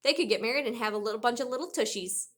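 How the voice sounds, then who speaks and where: A woman's voice: on the high side, very fast, voice pushed up. A woman voicing a playful, joking father in a storybook read-aloud. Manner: teasing and excitable.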